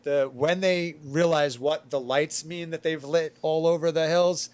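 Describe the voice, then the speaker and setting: A man's voice: fairly high pitch, fairly even intonation, measured pace, smooth. A man chatting casually on a podcast panel, rambling and full of "like", acting out quotes as he goes. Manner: rambling, filler-heavy retelling with acted quotes.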